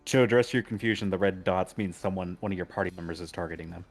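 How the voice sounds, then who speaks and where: A man's voice: sits low, fast. A man making casual interjections during a tabletop roleplaying game.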